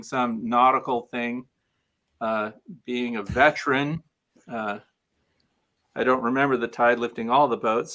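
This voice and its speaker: Bright-voiced deadpan man. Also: mid-range voice. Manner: deadpan, dry humor. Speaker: guest beekeeping video maker. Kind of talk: casual livestream chat.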